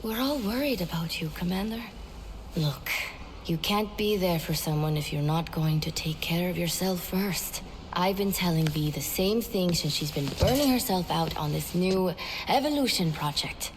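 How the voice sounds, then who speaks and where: A woman's voice: lowish voice, moderate pace, a little hiss or hum, natural voice. A woman playing a concerned, exasperated military base aide in a game cutscene, earnest and nagging. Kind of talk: dramatic game cutscene acting. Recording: music behind the voice.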